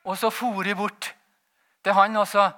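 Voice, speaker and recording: A man giving a rambling, animated personal testimony, laughing as he tells it. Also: high-pitched. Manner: animated, rambling, frequent "vet du" tag; laughs while telling. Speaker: testimony speaker.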